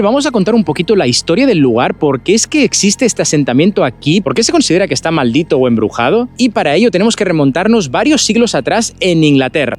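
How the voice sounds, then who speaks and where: A man's voice: high-pitched, darkish tone. A man hosting a travel vlog, telling a spooky local history in a chatty, dramatic way while outdoors in a forest. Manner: chatty, dramatic storytelling with asides. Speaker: vlog host. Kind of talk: casual storytelling.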